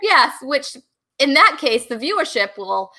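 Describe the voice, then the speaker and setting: Bright, high-voiced woman hosting a chat. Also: sing-song, a little slow. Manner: laughs often, reads viewer comments aloud. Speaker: host. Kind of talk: casual live-stream chat.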